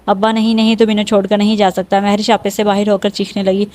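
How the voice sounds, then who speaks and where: A woman's voice: mid-range voice, little pitch movement, darkish tone, lightly acted. A woman voicing a young village woman, wronged and grieving, in a storybook narration, pleading and accusing.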